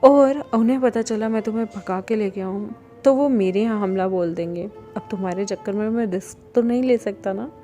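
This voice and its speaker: Woman doing a teasing young guy, playful and chiding, soft music under it. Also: medium pitch, normal speed, hardly any pauses, lightly acted.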